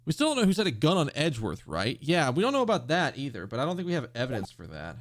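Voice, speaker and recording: A man's voice: medium pitch, huge pitch swings, fast talker, no room sound. A man giving casual game commentary, thinking aloud in a hesitant, questioning way. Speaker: gamer playing and reading aloud a visual novel.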